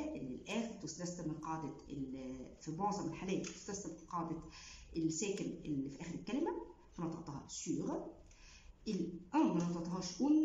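A woman with an Egyptian Arabic accent teaches French pronunciation, explaining each rule step by step and drawing out example words slowly. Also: lowish voice, warm tone. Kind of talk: online language lesson. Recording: echoey room, dull lo-fi sound.

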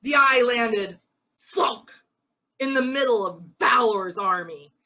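A woman's voice: a little high, measured pace, pushed and bright, low-quality recording. A woman telling a myth as part of a pagan ritual, earnest and rallying at the close. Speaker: ritual storyteller.

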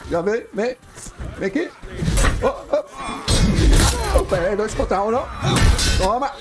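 A young Brazilian man casually commenting on his own gameplay, excitable, swearing and yelling during fights. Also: sits high, measured pace, over loud music. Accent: Brazilian Portuguese. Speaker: gaming YouTuber.

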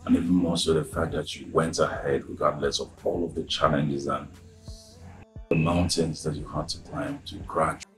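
A man's voice: a bass voice, flat delivery, moderate pace, music in the background. An actor with a Nigerian accent playing a recently divorced man who talks easily and laughs between his remarks. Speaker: boss's friend confiding in a young employee. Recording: echoey room with background noise.

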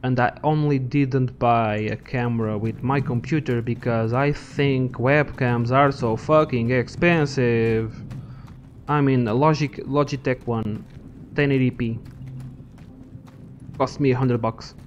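A man's voice: medium pitch, fairly even intonation, unhurried, highs cut off, a little hiss or hum. Rambling young man narrating gameplay. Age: young adult. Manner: rambling, profane, thinks aloud. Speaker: gaming channel host. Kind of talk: casual gameplay commentary.

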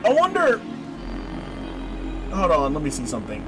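A gaming video host with a fairly high voice offers excitable, slangy let's-play commentary at a moderate pace. He exclaims often and reads game text aloud while game music plays behind him.

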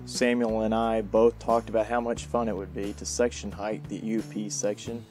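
A man reading a calm, reflective scripted voice-over for his hiking vlog. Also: fairly low pitch, normal speed. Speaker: hiking vlogger. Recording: voice-over with music behind.

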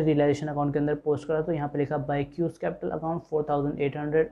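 A man's voice: on the high side, phone-quality sound. A man teaching an accounting lecture, explaining step by step and voicing his students' questions himself. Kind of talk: classroom lecture.

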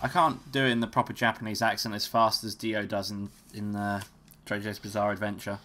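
A man's voice: lowish voice, flat delivery, fairly quick, bright, forceful tone. A young man hosting a let's play, giving casual, rambling gameplay commentary and swearing freely. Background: game music.

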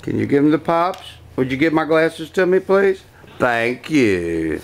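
An older grandfather talking slowly and repetitively to a toddler, coaxing him in a casual home video. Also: fairly high pitch, expressive, slight background noise. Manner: slow, repetitive coaxing talk to a small child.

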